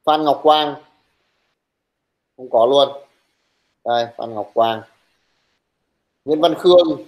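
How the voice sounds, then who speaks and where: A young male teacher running an online class, brisk and teasing, who scolds his students bluntly while taking attendance. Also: medium pitch, lo-fi sound.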